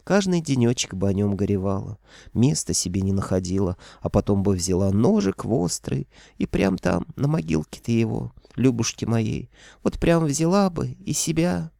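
A man's voice: mid-range voice, big pitch swings, normal speed, gravelly, mellow, dry recording, clean studio sound. A man voicing a melodramatic female demon in a sing-song lament, in an audiobook. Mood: mournful wailing.

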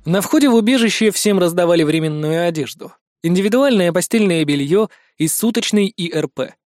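A man narrates a first-person action novel in a brisk, dramatic reading. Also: high voice, expressive, a little mellow, no room sound, faint music behind. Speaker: audiobook narrator.

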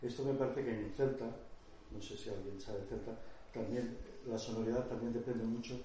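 A man's voice: medium pitch, fairly even intonation, normal speed, dark tone. A man giving a conversational talk at a conference, explaining with examples and thinking aloud as he goes. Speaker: lecturer. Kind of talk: conference talk with audience questions. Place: lecture hall. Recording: echoey hall, distant mic, faint noise.

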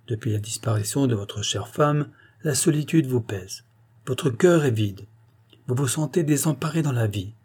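Male narrator as shrewd young sleuth, insistent, husky low timbre. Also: dark tone, lightly acted. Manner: insistent, probing, confident. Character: sharp, cunning young male detective.

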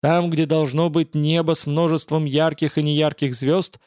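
A man narrating a science-fiction audiobook in an even, measured storytelling voice. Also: fairly high pitch, smooth, no echo, studio quality. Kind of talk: scripted narration.

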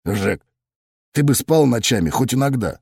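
A man voicing a calm, dry-witted male cop friend who mutters low and mocking in an audiobook. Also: normal speed, gravelly, breathy edge, no echo.

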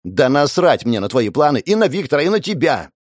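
A man voicing a furious young woman who shouts and swears in defiance of her family. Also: medium pitch, big pitch swings, measured pace, no echo, pitched above the performer's own voice.

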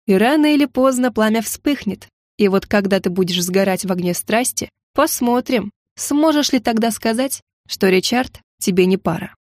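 A woman voicing a kindly male cook who talks patiently and chides gently. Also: medium pitch, animated, moderate pace, dry recording, studio quality, lightly acted. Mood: chiding.

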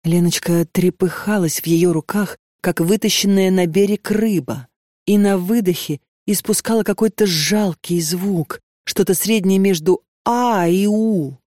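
Calm audiobook reader telling a tense tale. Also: mid-range voice, unhurried, no echo, clean studio sound. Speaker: narrator. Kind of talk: audiobook narration.

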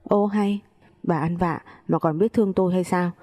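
A woman's voice: lowish voice, steady tone, normal speed, mellow, natural voice. A woman voicing a doting but impatient older father-in-law who presses questions.

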